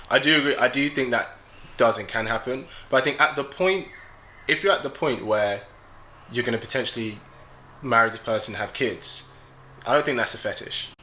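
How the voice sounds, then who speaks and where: Bright-voiced young man debating calmly. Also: medium pitch, a little hiss or hum, low-quality recording. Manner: measured, reasoning aloud, poses questions. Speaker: guest youtuber. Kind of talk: casual debate conversation.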